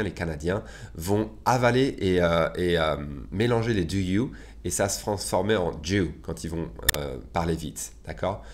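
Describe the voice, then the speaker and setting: Teacher drilling English phrases. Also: male voice, deep voice. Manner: conversational, many filler "euh"s. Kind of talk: bilingual English lesson in French.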